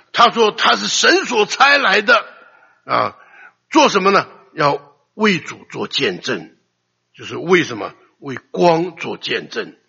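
Male preacher, lively storytelling sermon, bright husky voice, muffled lo-fi recording. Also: on the high side. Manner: animated storytelling, acts out quotes with sudden loud outbursts.

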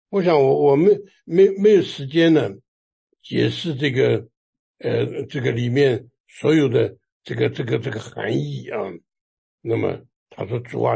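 A man preaching a sermon, emphatic and rising to near-shouts at the climaxes, with a raspy voice. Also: a little high.

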